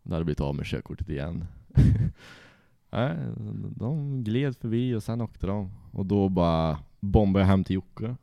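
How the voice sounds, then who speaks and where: A man's voice: deep voice, lively intonation, dry recording, lo-fi sound. A young man casually telling a rowdy anecdote, swearing freely and laughing as he goes. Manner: profane, laughs through his story. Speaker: storyteller.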